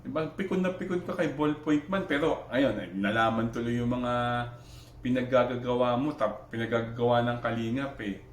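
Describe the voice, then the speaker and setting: A Filipino-accented man of middling pitch argues his case in a vlog reaction, throwing out rhetorical questions and restarting his sentences often. His voice carries the echo of a bare room, with a faint hum underneath. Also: moderate pace. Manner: argumentative, Taglish, rhetorical questions, many restarts. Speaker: vlogger reacting to another creator. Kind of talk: heated reaction commentary.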